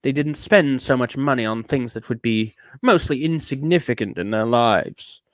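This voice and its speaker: A drunk man putting on an affected fake British accent to read aloud in a slow, grand, pompous way. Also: medium pitch, dry recording, pitched below the performer's own voice, natural voice.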